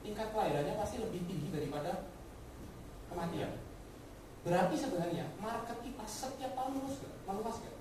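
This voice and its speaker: In a mid-range voice at a fairly quick pace, a woman motivates her coworkers with a business talk, slipping English words in and posing rhetorical questions straight to her listeners. Heavy echo, a far-off mic and faint noise mark the recording.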